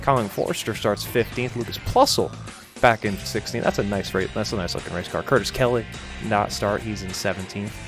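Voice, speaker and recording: A man calls a live-streamed sim race, excitable and prone to stumbling over his words. He is still coughing from a cold. Faint music plays behind him. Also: fairly low pitch, brisk. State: coughing a lot. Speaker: sim racing commentator.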